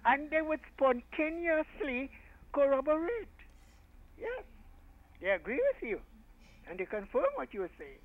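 An older man calling in to a radio show over a phone line, formal and lavishly flattering as he speaks. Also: extremely high pitch, a little slow, pauses often. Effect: heard over a phone line. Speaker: radio call-in listener. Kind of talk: phone-in chat.

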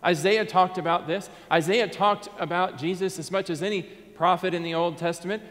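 A man in his thirties with a Southern US accent, preaching a sermon from the pulpit of a church sanctuary, earnest and dropping to a soft hush on key words. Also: high voice, steady tone, moderate pace. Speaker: pastor. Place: church sanctuary, in front of a Christmas tree. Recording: long hall reverb.

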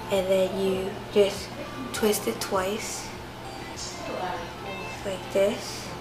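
A woman walks through a home baking demonstration in an easygoing, unhurried way, her speech loose and full of "like" and "so". She is filmed from above her kitchen counter, and her voice sounds echoey against steady background music. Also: medium pitch. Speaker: home cooking vlogger. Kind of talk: casual step-by-step cooking demonstration.

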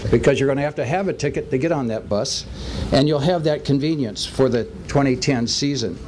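A man's voice: medium pitch, a little fast, darkish tone. An older man from Los Angeles, a county official giving a folksy public speech at a podium outdoors. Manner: folksy, with baseball metaphors. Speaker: county supervisor. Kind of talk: public speech at a press event. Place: outdoors at a stadium lot beside a bus. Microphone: podium microphone. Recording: outdoor noise in the background.

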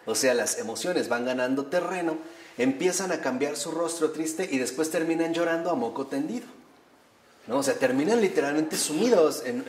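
A man's voice: mid-range voice, slight background noise. Man lecturing in a roomy hall. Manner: explanatory, often adds tag questions. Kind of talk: talk to a live audience. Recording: roomy echo with faint ambience.

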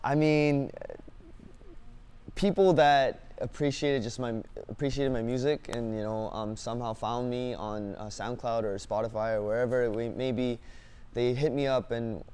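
A young man, a singer-songwriter born in South Korea and raised in Canada, answering interview questions in a relaxed, upbeat way with lots of fillers, on a lapel mic in a dim studio. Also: mid-range voice, moderate pace, clear, resonant tone. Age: young adult. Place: dim indoor studio set.

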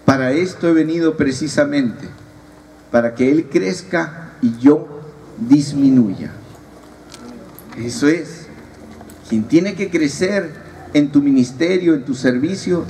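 A man's voice: on the high side, a little mellow. A man giving a humorous preaching talk at a youth retreat and teasing his audience. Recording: distant mic, audible crowd, noisy.

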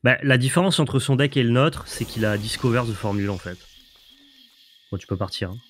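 A man co-hosting a card-game stream in casual chat, relaxed and hesitant, often trailing off in asides. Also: medium pitch, a little fast, slight background noise. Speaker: co-host, gameplay commentator.

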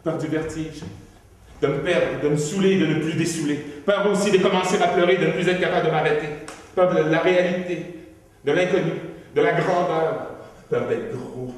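A man on stage reciting a long list in a steady, rhythmic cadence. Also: on the high side, fairly quick. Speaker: stage performer. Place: theatre stage. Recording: echoey hall from far off.

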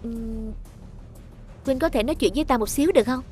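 A woman voicing a cold, commanding female snake spirit in a cartoon, with a fairly high voice and faint music behind. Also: fairly quick, dark tone, lightly acted. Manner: haughty, commanding. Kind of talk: cartoon voice acting.

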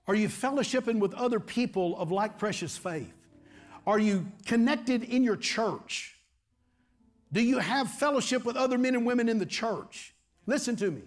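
A man's voice: extremely high pitch, lively intonation, moderate pace. A middle-aged man preaching a sermon to his congregation, repeating his phrases and calling for amens. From Texas. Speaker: pastor. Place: large church stage before a congregation.

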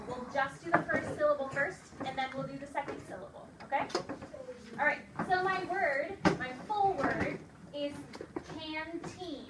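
A woman teacher leading a phonics dictation lesson, modeling each word slowly sound by sound and giving clear, encouraging prompts to the children. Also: high-pitched. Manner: slow, sound-by-sound modeling of words. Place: classroom. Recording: echoey room, distant mic, loud hiss.

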